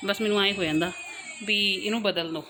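A woman's voice: mid-range voice, brisk, noisy background. A young woman and mother chatting casually to her viewers at home in a daily vlog, talking loosely in long run-on sentences. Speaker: family vlogger, mother. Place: at home, indoors.

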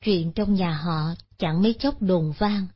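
A woman narrating a Buddhist moral story in a steady, solemn manner. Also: on the low side, unhurried, husky. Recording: dull lo-fi recording.

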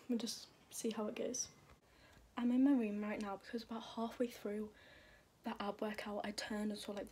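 A woman's voice: mid-range voice, darkish tone. Chatty young woman in an echoey room. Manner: chatty, rambling, many fillers like "like" and "um". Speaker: vlogger. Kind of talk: casual vlog chat. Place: bedroom at home. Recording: echoey room, faint noise.

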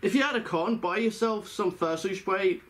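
A man's voice: sits high, moderate pace, fairly bright tone. A man giving casual tips to the camera, talking through a costume head in a chatty, rambling way that often corrects itself. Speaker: fursuit vlogger.

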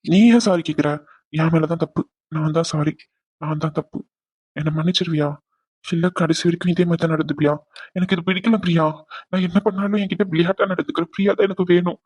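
A man voicing a hurt, remorseful young husband who talks low and earnestly to his wife. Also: fairly even intonation, a little fast, darkish tone, breathy edge, no echo. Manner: subdued, earnest.

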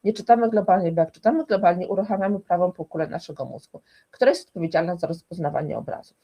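A woman's voice: fairly low pitch, fast, dark tone. A woman speaking as a guest expert in a conversational interview, explaining emphatically and restarting often.

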